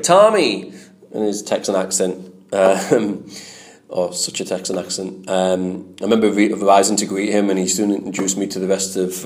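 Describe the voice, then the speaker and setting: A man's voice: sits low, darkish tone. Reflective man recounting travels. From England. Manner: rambling and reflective, many fillers. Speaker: travel storyteller. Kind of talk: casual spoken travel story.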